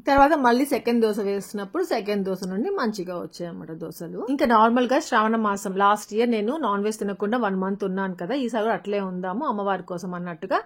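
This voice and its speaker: A woman's voice: mid-range voice, quick pace, hardly any pauses. Rayalaseema telugu lady narrating her family vlog, chatty, tosses in english words. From Rayalaseema, Andhra Pradesh. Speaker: family vlogger. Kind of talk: casual voice-over narration.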